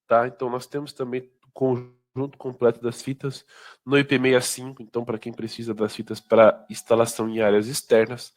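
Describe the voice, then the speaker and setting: A man's voice: medium pitch, fairly bright tone. A man with a Brazilian Portuguese accent giving an informal sales training talk, conversational and full of tag questions and fillers. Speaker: product presenter.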